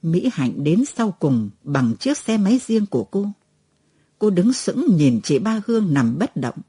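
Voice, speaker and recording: A woman reads a story aloud in a tender, expressive way. Her voice is low, mellow and lively in pitch. The recording is close and dry. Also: a little slow, husky, no room sound. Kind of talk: storybook narration.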